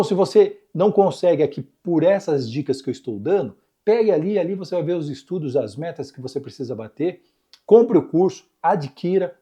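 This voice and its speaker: Husky, dark-toned man teaching keyboard. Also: fairly high pitch. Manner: insistent, repetitive coaching. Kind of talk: online music lesson.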